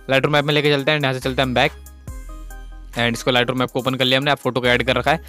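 Fast-talking male editing tutor. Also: medium pitch, a bit bright, clear, resonant tone. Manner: instructive, repeats "guys" and "okay". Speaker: photo editing tutorial host. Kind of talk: screen-recorded editing tutorial.

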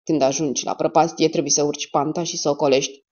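A woman's voice: deep voice, steady tone, darkish tone. A woman voicing a cool, blunt male private detective who gives clipped orders. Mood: commanding. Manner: cold and clipped, giving orders. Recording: dull lo-fi audio.

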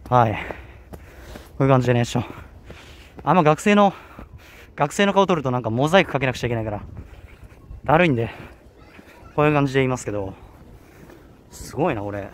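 A man's voice: medium pitch, expressive, fast, pauses often, a little hiss or hum. Rambling young man with a Kanto accent. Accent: Kanto Japanese. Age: young adult. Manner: rambling, self-correcting, chatty. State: slightly out of breath. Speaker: vlogger. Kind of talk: casual walking vlog. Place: outdoors on a hilly university campus. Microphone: handheld camera.

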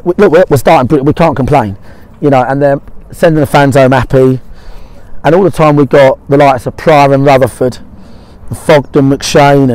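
Out on an empty pitch by a small stand, a middle-aged football manager offers blunt, matey post-match talk, repeating short phrases for emphasis. His voice is a little high and a little mellow, with no room sound, though the recording is low quality.

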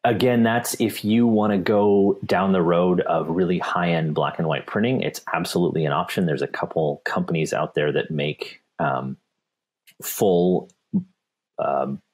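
Man, webinar answers, very deep voice, husky tone, relaxed, repeats himself. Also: unhurried. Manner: relaxed, with frequent repeats and restarts. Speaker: paper company technical specialist. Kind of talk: webinar Q&A, answering viewer questions.

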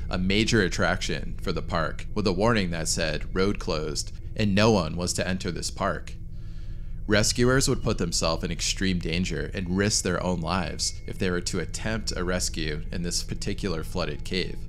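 A man reading a scripted true-story narration in a measured, serious way. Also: low-pitched, fairly bright tone, a little hiss or hum. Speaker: channel narrator. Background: faint background music.

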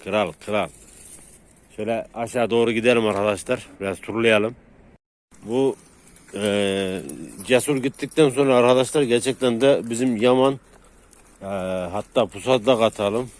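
A man vlogging to his viewers while walking dogs outdoors at night on a dark street, hesitating with drawn-out fillers and calming the dogs with repeated calls. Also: medium pitch. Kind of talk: casual vlog talk to viewers.

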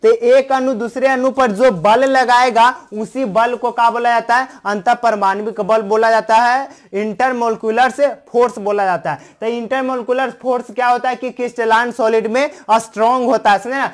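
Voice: medium pitch, fairly even intonation, moderate pace, few pauses. Chemistry teacher quizzing and self-answering. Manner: asks questions and answers them, keeps checking understanding; repetitive, explains terms twice in two languages. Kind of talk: classroom lecture.

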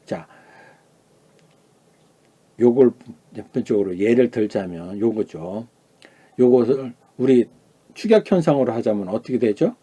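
A man's voice: expressive, unhurried, long pauses, husky. Korean male teacher modeling Chinese vowels. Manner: demonstrates sounds loudly and high, then drops to a quiet aside; asks the class questions and answers them himself. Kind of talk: classroom lecture.

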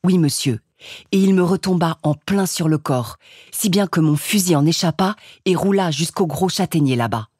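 A woman voicing a tall, stooped, consumptive Corsican man who drawls slowly in a monotone and coughs often, in an audiobook reading. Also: lowish voice, husky, no echo, studio quality, voice pushed up.

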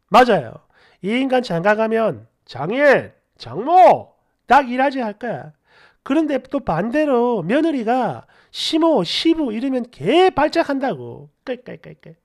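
A man hosting a story channel, reading online posts and comments aloud with animated, mocking commentary. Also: very high voice.

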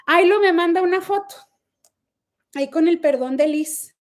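A woman's voice: extremely high pitch, normal speed. A middle-aged woman with a Mexican accent, hosting a casual livestream chat by phone, brash and profane, mocking her critics. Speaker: livestream host.

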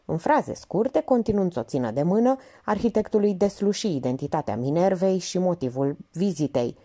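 A woman narrating an audiobook with expressive, varied intonation. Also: fairly low pitch. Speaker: audiobook reader.

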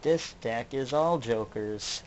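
A man's voice: mid-range voice, slow pace, darkish tone, slight background noise. A man hosting his own channel, acting out a melodramatic mock-detective comedy skit in which he questions his toys. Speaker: channel host.

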